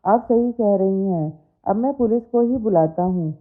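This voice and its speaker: A woman's voice: mid-range voice, moderate pace, phone-quality sound, faint music behind, natural voice. A woman voicing a worried grown son in a storybook reading, anxious and pressing.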